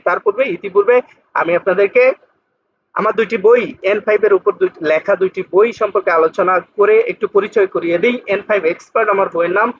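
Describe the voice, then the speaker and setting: A man teaching Japanese vocabulary, patiently repeating each word slowly to drill its pronunciation. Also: sits high, breathy edge. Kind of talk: vocabulary lesson explanation. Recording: dull lo-fi sound.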